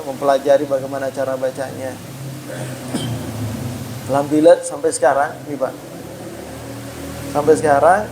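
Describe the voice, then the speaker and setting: A man giving a mosque study lecture, chatty and addressing listeners as sir, saying "ya" after nearly every phrase and slowly demonstrating Arabic letter sounds. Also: mid-range voice, darkish tone, a little hiss or hum, poor audio. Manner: punctuates phrases with a frequent "ya"; conversational, addresses listeners as "Pak". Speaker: Islamic teacher.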